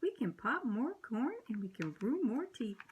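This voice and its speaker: A woman voicing a tiny, timid male mouse in a storybook reading, high and whispery. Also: sing-song, a little slow, a little mellow, dull audio, slight background noise. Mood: soothing.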